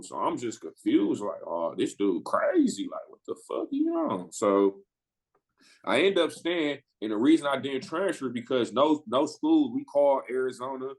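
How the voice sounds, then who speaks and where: Animated young man telling a story. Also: mid-range voice, low-quality recording. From Midwest US. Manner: animated, slangy storyteller who acts out quoted people. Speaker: podcast guest, pro basketball player. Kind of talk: casual storytelling interview.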